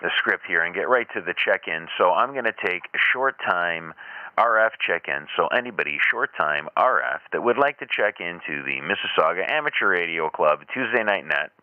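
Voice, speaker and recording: A man's voice: sits low, lively intonation, normal speed, no echo, muffled recording. A man hosting an amateur radio net for the first time, reading the check-in script hesitantly and apologetically while his transmission breaks up and sounds choppy. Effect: choppy, breaking-up radio audio.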